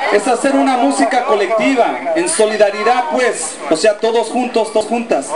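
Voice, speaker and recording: A man from Los Angeles, a rapper giving a live political rap performance with rhythmic call-and-response. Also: sits high. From Los Angeles, United States. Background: loud music.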